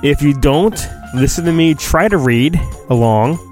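A middle-aged American podcast host reads a storybook dramatically, breaking in with informal, wisecracking asides and interrupting himself. His voice is on the high side, a little slow and a little mellow. It's a homemade phone recording with roomy echo and faint music.

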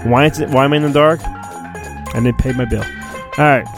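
With music in the background, this podcast host reads a story in a gravelly, mid-range voice that is expressive and paced normally. He hams it up with mock drama, pokes fun at himself, and keeps trailing off into mutters.

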